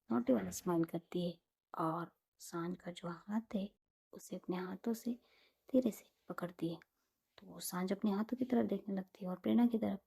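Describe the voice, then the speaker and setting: A woman casually retelling a romance story in a relaxed, conversational way, often dropping into whispers. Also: mid-range voice, gravelly, husky.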